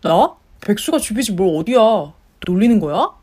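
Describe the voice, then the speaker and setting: A woman's voice: medium pitch, very animated, moderate pace, dark tone, breathy edge. A woman voicing a whiny, jobless young husband in a story-radio drama, grumbling and sulking. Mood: sulky. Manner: grumbling, sulky complaints.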